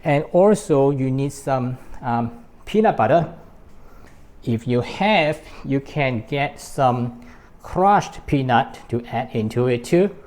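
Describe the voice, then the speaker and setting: A man with a Malaysian accent, born in Hong Kong and brought up in Malaysia, hosts a cooking show and explains a recipe demonstration to camera step by step. His medium-pitched voice is expressive, slow and a little mellow.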